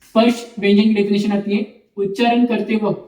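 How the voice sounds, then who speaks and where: Guy teaching a lesson online, reciting letters one at a time, roomy echoey sound, kinda high voice. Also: flat delivery, fairly quick, darkish tone. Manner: repetitive explaining, frequent "ठीक है" and "okay" check-ins. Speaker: Sanskrit teacher. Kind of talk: online video lecture.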